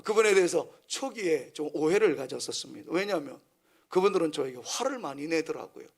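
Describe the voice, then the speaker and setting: Man, middle-aged, from Seoul, pastor, sermon, earnest, trailing near whispers, somewhat high pitch. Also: expressive, brisk, vocal fry, husky. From Seoul, South Korea. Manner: earnest preaching, drops to a near whisper at phrase ends.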